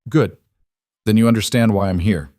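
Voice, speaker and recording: A man's voice: lowish voice, normal speed, mellow, no room sound, studio quality, lightly acted. A man doing a cold, scornful rich father. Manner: disdainful, cold and commanding. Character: cold wealthy Italian-born father, about sixty. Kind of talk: audiobook character voice.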